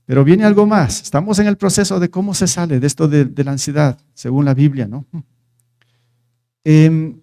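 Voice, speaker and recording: A man's voice: on the high side, moderate pace, mellow. A man preaching a sermon in a conversational way, reading scripture and putting rhetorical questions to his listeners. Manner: reads scripture aloud and retells it.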